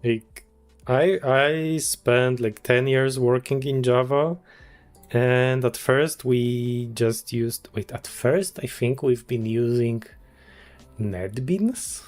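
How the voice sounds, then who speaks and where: Male developer in his thirties, middle-pitched, talks slowly, halting and thinking aloud on stream. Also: darkish tone, soft background music. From Poland. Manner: hesitant, restarts often, chuckles, thinking aloud. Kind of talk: casual livestream chat.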